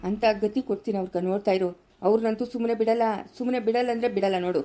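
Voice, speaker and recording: A woman's voice: a little high, rapid-fire, mellow, lightly acted. A woman with a Chikkaballapura-area Kannada accent voicing a stern older village man who comforts and commands, vowing revenge, in a family village drama. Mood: grim. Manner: commanding, reassuring, threatening.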